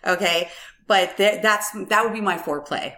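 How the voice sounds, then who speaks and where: A woman's voice: mid-range voice, moderate pace, sharp tone. A woman in her thirties co-hosting a podcast, chatting candidly and rambling with lots of filler words. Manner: candid, giggly, rambling with many "like"s. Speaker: podcast co-host. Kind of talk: casual chat.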